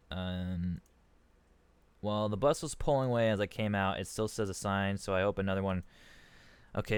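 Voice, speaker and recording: A man's voice: low voice, clear, resonant tone. A man rambling casually on a live stream, restarting his sentences and reading chat aloud into a desk microphone.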